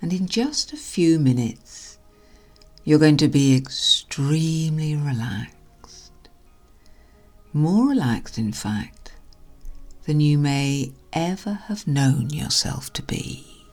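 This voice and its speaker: A woman hypnotherapist leads a guided relaxation in a low, unhurried voice. Her delivery is hushed and soothing, with a breathy softness that slips toward whispering. Faint music plays behind her. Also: lively intonation.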